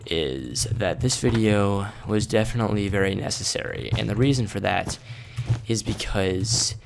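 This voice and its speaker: An eighteen-year-old man quietly commentating a game late at night in his bedroom, calling viewers "boys" and "dude". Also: lowish voice, moderate pace, creaky, background noise. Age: 18, young adult. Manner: hushed and casual, calls viewers "boys" and "dude". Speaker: gaming YouTuber. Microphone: desk microphone turned up.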